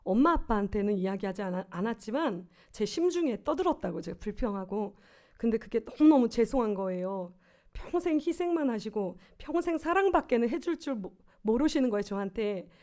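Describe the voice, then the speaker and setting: A woman's voice: a little high, lively intonation, a little fast, mellow. Earnest Korean woman pastor in her fifties. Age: 50s. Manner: earnest, personal storytelling with rhetorical questions. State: swollen tonsils. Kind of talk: sermon.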